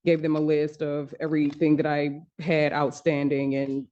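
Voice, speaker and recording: A woman attorney responds to a judge, heard through a courtroom recording. Her voice is flat and mellow as she speaks hesitantly, filling gaps with "like". The audio sounds muffled. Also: low-pitched, moderate pace. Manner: hesitant, uses fillers like "like".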